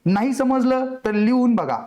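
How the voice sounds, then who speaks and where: A man's voice: extremely high pitch, measured pace, mellow, lo-fi sound. A young man, giving an earnest, conversational motivational talk to exam students and asking them rhetorical questions. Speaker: exam coaching mentor.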